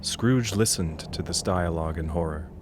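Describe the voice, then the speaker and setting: A man's voice: deep voice, normal speed, background noise, close to an everyday voice. A man narrating an audio drama as a grave, solemn storyteller with an ominous manner.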